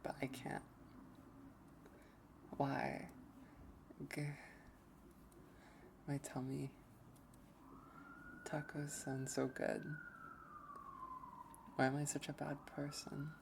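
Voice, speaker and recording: Brief: let's play streamer reading a visual novel aloud, gravelly and slow, mid pitch, game music underneath. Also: monotone, noisy background. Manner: slow, hesitant first-person reading.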